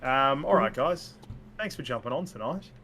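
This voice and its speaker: A man with an Australian accent hosting a casual podcast chat, laid-back and quick to laugh. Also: medium pitch, expressive, sharp tone. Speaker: podcast host.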